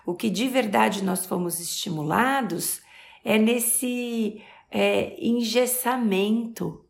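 Brief: woman in her 40s with a Brazilian accent, podcast host, gravelly fry in the voice, emphatic motivational delivery. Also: on the high side. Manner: expressive, emphatic, stretches key words.

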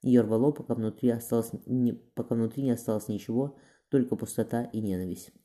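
A male audiobook narrator reading a historical novel at a quick clip. His voice is dark and low in tone. He corrects small slips as he goes. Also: steady tone.

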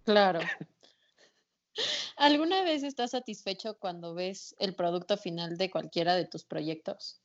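A woman's voice: lowish voice, unhurried, muffled recording. A woman interviewing an actor, asking short questions and giving brief agreeing replies.

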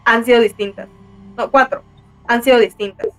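A woman's voice: a little high, steady tone, moderate pace, a bit bright, faint music behind. A woman telling a personal story in casual chat, rambling and full of fillers. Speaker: guest telling a paranormal story.

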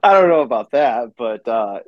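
A man in the guest's chair on a casual podcast, talking about wrestling in loose, rambling bursts that are full of swearing and filler words. His voice sits at an ordinary middle pitch. The recording is close and dry with a slightly dull, muffled top end. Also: animated, normal speed, dry recording. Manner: rambling and profane, heavy on filler "like". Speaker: pro wrestler and company owner, podcast guest.

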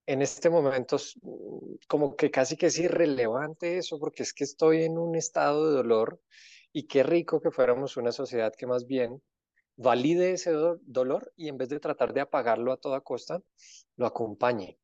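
A man, a guest in an interview, explaining in a calm, reflective way. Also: mid-range voice, normal speed, no room sound. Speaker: guest, grief author. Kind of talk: conversational interview. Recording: dry, dull lo-fi sound.

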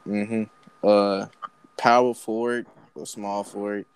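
A man's voice: lowish voice, little pitch movement, slow, clear, resonant tone, no room sound. A young man hosting a casual group chat, joking around, swearing freely and bossing the questions along. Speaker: segment host asking questions.

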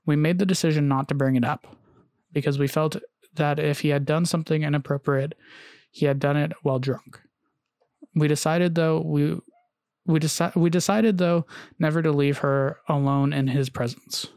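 A man's voice: fairly high pitch, fairly even intonation, normal speed, a little mellow, clean tone, no echo, clean studio sound. A man hosting a casual podcast, telling a story with frequent "uh"s and restarts and reading long quotes aloud. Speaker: podcast host.

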